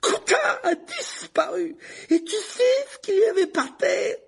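A man voicing an excitable teenage boy who yells in high-pitched alarm, in a storybook reading. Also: fairly quick, vocal fry, slightly rough, exaggerated voice. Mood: frantic.

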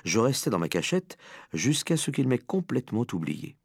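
A man reading a children's story aloud with dramatic, expressive first-person narration. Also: mid-range voice, moderate pace, vocal fry, slightly rough, no echo, clean studio sound. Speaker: audiobook reader.

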